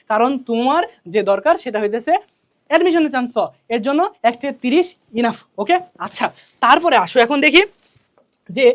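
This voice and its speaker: Fast-talking woman teacher. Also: on the high side. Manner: drills key answers by asking and repeating them; colloquial, chatty. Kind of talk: exam revision lesson.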